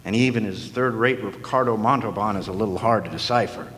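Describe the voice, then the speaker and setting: A man with a lowish, fairly bright voice narrates a little quickly as a wry, sardonic hard-boiled detective, in the manner of 1940s noir radio drama. It's a live audience performance in a historic club hall, with long, echoing hall reverb on the recording.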